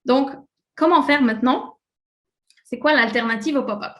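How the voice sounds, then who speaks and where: A woman with a French-speaking Swiss background leads a live online presentation in a relaxed, conversational way. Her voice sits a little high, and she scatters fillers through her sentences. The recording has a noticeably echoey room sound. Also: normal speed. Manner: casual and chatty, many fillers, laughs at slips. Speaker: presenter of a software webinar.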